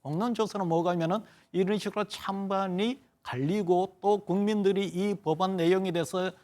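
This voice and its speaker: A man's voice: high voice, fairly even intonation, moderate pace, a little mellow. A man speaking as a pollster on a television current-affairs panel, explaining survey figures in long, analytical turns.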